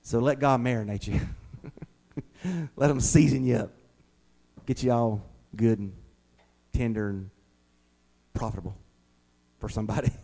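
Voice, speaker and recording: A middle-aged pastor delivers an informal, conversational sermon in a folksy style, using homely examples and acting out imagined replies. His medium-pitched voice is gravelly and mellow, with a measured pace and frequent pauses.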